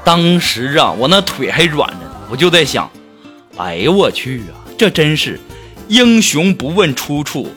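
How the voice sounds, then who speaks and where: A male host of a radio comedy show, telling comic stories in an animated, exaggerated way and laughing along. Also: on the high side, unhurried, faint music behind. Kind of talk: comic storytelling.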